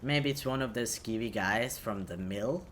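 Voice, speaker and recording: A man's voice: lowish voice, moderate pace, a bit bright, slight background noise. A man giving casual video game commentary, hesitantly thinking aloud as he goes. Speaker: gaming commentator.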